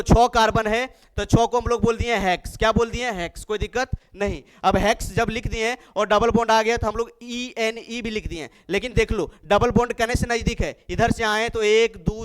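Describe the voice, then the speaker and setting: A man's voice: high-pitched, clear, resonant tone. A man teaching chemistry in a lecture, playful and affectionate with his students, counting carbons aloud and acting out their replies. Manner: playful, affectionate, calls students babu and munna; acts out students' replies in a sweet voice. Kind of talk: classroom lecture.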